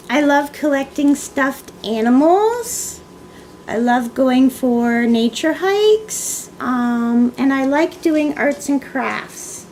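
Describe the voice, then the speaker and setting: High-voiced canadian woman in her 30s, slow rambly vlog chat, kinda sleepy. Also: darkish tone, a little hiss or hum, poor audio. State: tired. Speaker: vlogger answering a tag. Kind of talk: casual chat.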